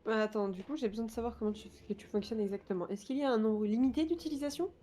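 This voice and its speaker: A woman's voice: a little high, very fast, warm tone. A woman improvising casually as a tabletop game player, rambling and correcting herself as she goes. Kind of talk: casual improvised role-play.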